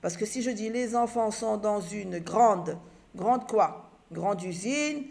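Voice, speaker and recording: Patient woman teacher, gravelly, unhurried delivery, sounds out syllables for children. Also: mid-range voice, darkish tone. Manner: asks and answers her own questions. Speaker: primary school teacher. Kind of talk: children's reading lesson.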